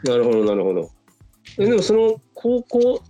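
Animated man hosting a casual chat. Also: sits high, fast, highs cut off, faint music behind. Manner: inquisitive, responsive. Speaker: conversation host.

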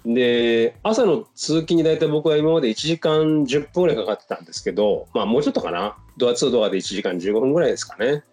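A man's voice: mid-range voice, quick pace, hardly any pauses, darkish tone, soft background music. A man hosting a casual conversation, inquisitive and responsive to the others. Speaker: conversation host. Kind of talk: casual chat.

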